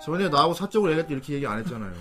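A high-voiced man hosts a casual chat with animated swings in pitch, loudly teasing his guest and laughing often. He swears freely and talks over music playing behind the conversation. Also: very fast. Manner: loud, teasing, swears a lot, bursts of laughter. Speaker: host.

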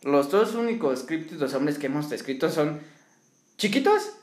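A Mexican man with a notably high voice chats loosely with a co-host, often dissolving into giggles between phrases. His voice carries the roomy echo of an untreated room. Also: lively intonation, normal speed. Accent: Mexican Spanish. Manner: giggly, keeps breaking into laughter. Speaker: podcast co-host. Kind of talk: casual chat.

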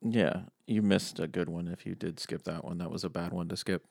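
A man's voice: deep voice, steady tone, brisk, gravelly, darkish tone, no echo. A man co-hosting a podcast in casual chat, laid-back and often answering in short, agreeing replies. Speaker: podcast co-host.

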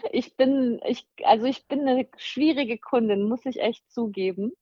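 A woman's voice: fairly high pitch, measured pace, mellow, no echo, highs cut off. A woman, a sales trainer, as a guest in a casual interview, talking frankly and laughing easily.

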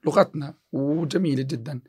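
On the high side and fairly quick, this man's husky voice carries a darkish tone. As a podcast guest who teaches chemistry, he casually discusses success and faith, quoting scripture with plenty of restarts.

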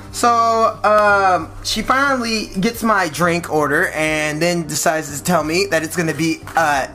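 A man spinning a casual, swear-heavy story, jumping in and out of the voices of the people in it. His tone is bright and forceful, and he gets loud when he is worked up. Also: fairly high pitch. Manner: profane, animated, acts out quotes. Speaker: podcast co-host telling a story.

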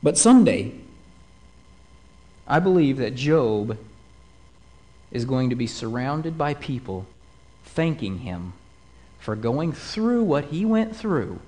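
A man preaching a sermon, animated and fond of asking his listeners rhetorical questions. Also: mid-range voice, takes it slowly, long pauses.

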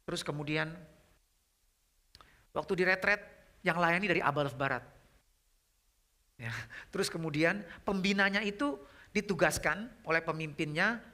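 A middle-aged man with a fairly high voice preaches a conversational youth sermon at normal speed, pausing often. He asks the audience questions, swinging from loud, rising questions to hushed, almost whispered lines.

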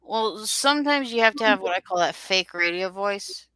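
A woman's voice: medium pitch, lively intonation, normal speed, bright, forceful tone, clear, resonant tone, dry recording, rough recording. A woman hosting a podcast, chatting casually in loose, rambling sentences. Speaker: podcast host. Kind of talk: casual chat.

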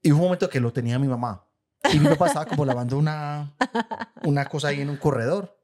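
A young Colombian man with a Paisa accent, co-hosting a podcast, telling family stories in a lively way and laughing as he talks. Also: a little high, fast. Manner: animated storyteller, laughs while telling. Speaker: podcast co-host. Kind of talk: casual chat.

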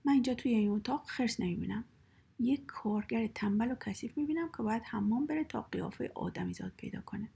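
A woman's voice: on the high side, animated, gravelly, dark tone, husky, heavily acted. A woman voicing an arrogant, angry male personnel chief in a whispered role-play, speaking curtly and with contempt. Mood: contemptuous. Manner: curt, contemptuous.

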